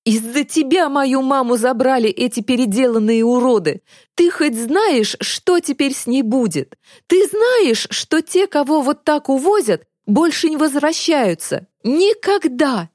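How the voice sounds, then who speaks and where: A woman reading the part of a hot-headed teenage boy who shouts in raw anguish in a storybook narration. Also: sits high, expressive, measured pace, dry recording, clean studio sound, voice pushed up. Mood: furious.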